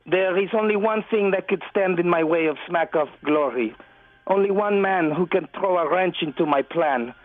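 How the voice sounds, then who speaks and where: Man putting on a pompous French-Canadian caller, thick fake French accent, high voice, tinny phone line. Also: no echo, lightly acted. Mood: boastful. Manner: pompous, showy, drawn-out. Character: hammy French-Canadian man, boastful and theatrical. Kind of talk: comedic call-in bit. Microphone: telephone.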